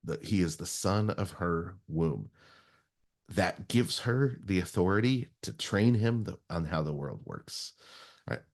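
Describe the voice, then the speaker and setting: A man preaching a sermon in a halting way, with many fillers and restarts, often adding "right?". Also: sits low, lively intonation.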